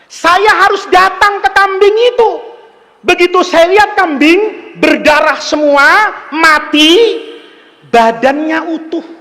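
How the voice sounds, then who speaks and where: A male preacher giving a humorous sermon, telling stories in an animated, joking way. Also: very high voice, slow pace, in a large hall.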